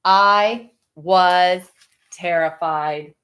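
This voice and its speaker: This reader has a lowish, slightly bright voice as she shares a picture book with children. She pauses dramatically, reads with expression, and stops to explain things like a teacher.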